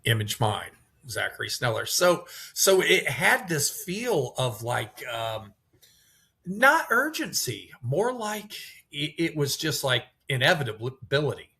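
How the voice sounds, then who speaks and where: A man's voice: fairly high pitch, big pitch swings, slow pace, pushed and bright. A man hosting a podcast, giving an encouraging critique of a poem in a casual, thoughtful way with frequent restarts. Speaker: podcast host. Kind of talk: casual poetry discussion.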